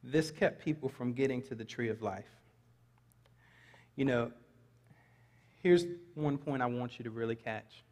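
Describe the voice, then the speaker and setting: The sermon comes from a middle-aged pastor with a medium-pitched, slightly mellow voice who speaks a little slowly with long pauses. He reads scripture aloud to the congregation of a large sanctuary, adding light asides, amid long hall reverb.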